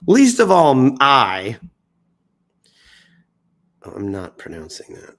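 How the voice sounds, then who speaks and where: Riffing through the news on an indoor livestream, this theatrical American host reads posts off the cuff, tossing in jokey, self-mocking asides and swooping into exaggerated emphasis. He is sick, tiring and coughs now and then. His voice sits at medium pitch with huge pitch swings and a slow pace.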